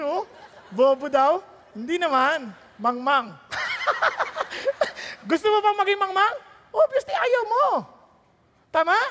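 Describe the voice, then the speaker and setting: A woman's voice: extremely high pitch, fairly bright tone, big-room sound. A woman pastor preaching a sermon, throwing rhetorical questions and jokes at the congregation while mixing Tagalog and English.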